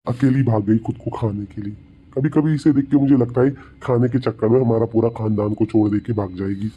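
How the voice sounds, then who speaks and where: A man's voice: medium pitch, brisk, breathy edge, highs cut off, close to an everyday voice. A young man playing a long-suffering husband in a comic family skit, muttering asides to himself. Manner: grumbling asides.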